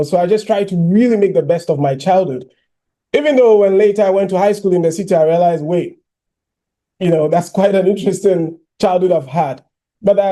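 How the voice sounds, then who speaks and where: A man in his thirties from Ghana, giving a personal keynote speech as an animated storyteller who often says "you know". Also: a little high. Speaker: keynote speaker.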